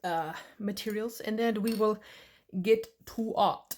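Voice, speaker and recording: A Canadian woman hosts a nail art tutorial in an easygoing, playful way and jokes as she goes. Her speech is slow and unhurried, and her voice sits at an ordinary pitch for a woman. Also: a little mellow. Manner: chatty and playful, jokes and silly sounds. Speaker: nail art channel host. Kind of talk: casual tutorial chat.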